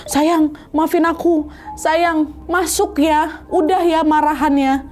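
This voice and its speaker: A woman storyteller puts on a young pregnant wife, pleading and frightened. The voice sits high and pulls each plea out slowly, close to tears. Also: steady tone, darkish tone, a little hiss or hum. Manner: tearful, begging, drawn-out.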